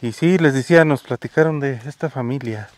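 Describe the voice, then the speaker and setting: A man with a Mexican Spanish accent hosting an on-location vlog outdoors in a rural village, speaking in a folksy, warm way. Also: mid-range voice, a little fast. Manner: warm, folksy, talks gently to children. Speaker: host.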